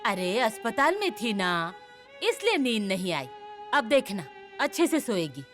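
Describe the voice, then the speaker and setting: A woman's voice: fairly high pitch, faint music behind. A bossy, fussing grandmother. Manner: brisk, fussing, animated scolding. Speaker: mother of the household. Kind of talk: TV serial acting.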